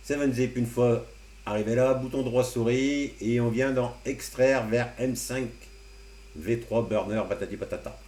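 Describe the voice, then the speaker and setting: A man hosting a casual amateur radio tutorial, explaining computer steps one by one with relaxed, joking asides. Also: mid-range voice, measured pace. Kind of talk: casual screen-recorded tutorial. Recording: roomy echo, faint hum.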